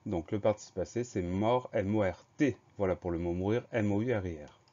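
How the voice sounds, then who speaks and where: Man, low mellow voice, patient teacher spelling words out, dull lo-fi sound. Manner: slow, methodical, spells words letter by letter. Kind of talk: dictation lesson.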